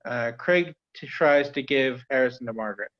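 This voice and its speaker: A man's voice: mid-range voice, normal speed. Man plainly reading stage directions. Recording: dull lo-fi audio.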